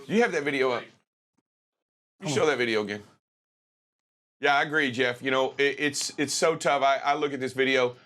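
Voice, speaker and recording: Bright-voiced animated male talk show host. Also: mid-range voice, moderate pace, long pauses. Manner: animated, exclaims and acts out reactions. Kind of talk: casual live talk show chat.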